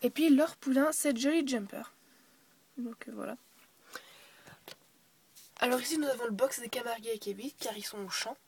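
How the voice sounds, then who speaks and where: A woman's voice: on the high side, normal speed, long pauses, noisy background. A young girl showing her toy horse ranch in a casual show-and-tell, full of fillers, self-corrections and whispered asides.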